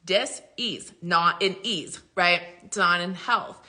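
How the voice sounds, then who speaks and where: A spiritual coach speaks to her followers in a casual, livestream-style chat, emphatic, laughing often, and swearing freely. Her fairly low voice moves slowly and sounds pushed and bright.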